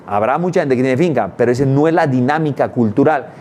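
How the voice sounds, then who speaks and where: A man teaching a course, talking emphatically, repeating words for stress and checking in with quick tag questions. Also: mid-range voice, lively intonation, darkish tone, slight background noise. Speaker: business culture instructor. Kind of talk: explanatory talk to students.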